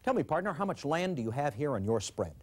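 A man voicing a boastful Texan traveler who brags about his land in a folksy, lively way. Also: a little high, fast talker. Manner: folksy, bragging.

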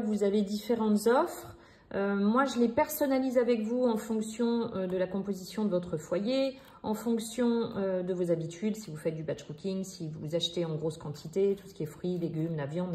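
A middle-aged woman giving a casual, chatty product demonstration in her home kitchen, pausing often with fillers. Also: on the low side, darkish tone. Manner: chatty, hesitant with frequent fillers. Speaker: cooking vlogger demonstrating a product.

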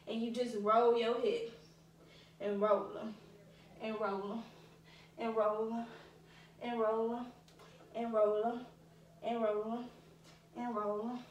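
A young female dance instructor leads a tutorial, chatty and a little breathless, counting the moves out loud and addressing her viewers as y'all. Her fairly high voice sounds distant from the mic in an echoey room, with a slight hiss or hum.

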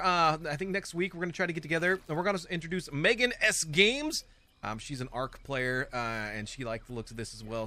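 A young man hosting a gaming video, talking casually and excitably as he plays and reacts. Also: medium pitch. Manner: excitable, jokey, exclaims often. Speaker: gaming channel host. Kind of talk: let's play commentary.

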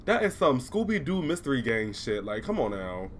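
A man's voice: medium pitch, sing-song, moderate pace, heavy background noise. A man giving casual, sassy gameplay commentary, swearing freely and calling everyone girl. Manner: loud, profane, sassy, calls everyone girl. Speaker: gaming YouTuber. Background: loud game music.

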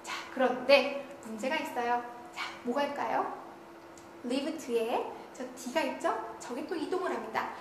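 A woman's voice: high voice, measured pace. A woman giving a recorded online grammar lecture. She keeps saying "자" and asks questions that she then answers herself. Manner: repeats "자" often, asks and answers her own questions. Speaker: English grammar teacher. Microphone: studio lecture recording. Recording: very echoey room with faint noise.

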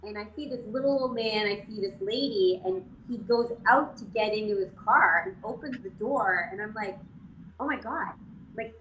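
A woman in her forties from Canada, a jockey guest telling stories in an animated, casual way full of fillers. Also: medium pitch, moderate pace, hardly any pauses. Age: 40s. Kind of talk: casual interview storytelling. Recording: echoey room, faint noise.

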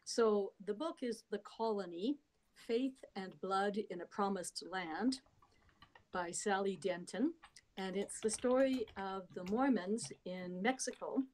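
A woman's voice: mid-range voice, slow, darkish tone. An older woman, a club member, recommending a book on a video call in a chatty, hesitant way.

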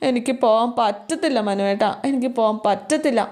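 A woman's voice: a little high, fairly quick, a little mellow, natural voice. A woman voicing a terrified young woman, broken down and repeating desperate pleas.

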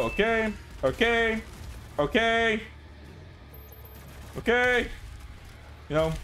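A male gamer talking through his play in an excitable, foul-mouthed way. His voice sits a little high and swings widely in pitch, though he talks slowly. A faint noise hums behind him. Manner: excitable, profane, laughs and yelps. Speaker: gaming channel host. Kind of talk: let's play gameplay commentary.

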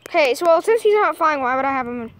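Birds chirp faintly as a young woman vlogs casually about nature from a backyard, filming on her handheld phone. She talks fast in a high-pitched, expressive voice, rambling and hesitating, and fills her speech with "like" and "I mean." There's slight background noise.

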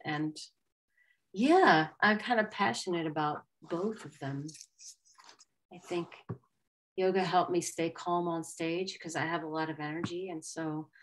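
A middle-aged singer and yoga teacher from Maryland, USA, chats animatedly on a casual video-call interview from a room in her home, telling stories with lively bursts of energy. Her voice is lowish and a little slow, with slight background noise.

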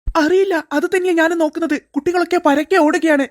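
Woman voicing a flustered shouting schoolteacher. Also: very high voice, fairly even intonation, fast talker, soft background music. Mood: alarmed. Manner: shouting orders in alarm. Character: flustered male schoolteacher, bossy and alarmed.

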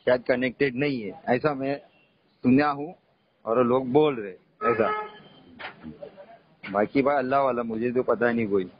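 A man speaks over a muffled phone line at a brisk, rapid pace. He explains himself at length, calm but insistent. His voice sits in a middle pitch. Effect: heard over a phone line. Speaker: caller, former company employee. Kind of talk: casual phone conversation. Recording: muffled phone call recording.

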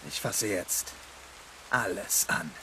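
A man's voice: fairly low pitch, slow pace, background noise. An actor playing a cocky, rebellious young man in a video game, slangy and defiant. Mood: defiant sarcastic. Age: young adult. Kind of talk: German video game voice acting.

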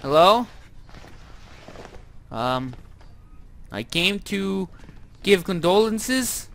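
A man's voice: high voice, big pitch swings, very slow, vocal fry, fairly bright tone, slight background noise. A young man giving let's-play commentary on a horror game, jumpy and swearing, with nervous laughs. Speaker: gamer playing a horror game. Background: game music.

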